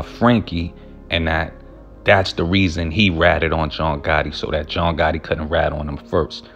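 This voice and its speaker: A man hosting video commentary, explaining things casually. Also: deep voice. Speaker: channel host.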